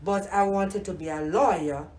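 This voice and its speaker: This older grandmother from Jamaica has a medium-pitched voice and a Jamaican accent, talking at a normal speed in an echoey room. Warmly recalling her past in a casual oral history interview, she repeats herself and says "you know" often.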